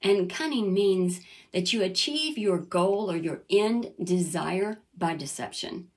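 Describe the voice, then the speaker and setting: A woman's voice: fairly low pitch, lively intonation, slow. Earnest woman preaching a sermon. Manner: earnest, calls out "Amen?" to listeners; reads scripture aloud and acts out quoted voices.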